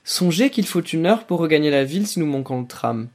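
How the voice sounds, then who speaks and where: A poised, brisk commander's wife presses everyone along with urgent insistence, as a man voices her in a storybook reading. The voice rises above the reader's own. She sounds sharp and quick. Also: a little high, expressive.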